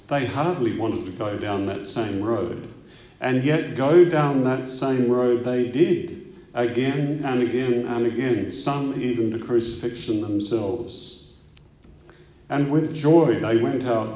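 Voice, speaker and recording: A man's voice: mid-range voice, darkish tone. A man preaching a sermon, asking rhetorical questions and telling stories with emphasis. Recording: echoey room, dull lo-fi sound.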